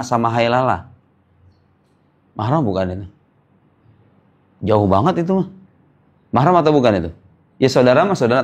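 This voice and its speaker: A male Islamic preacher giving a casual religious lecture, quizzing listeners with rhetorical questions and jokey asides. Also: medium pitch. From Indonesia.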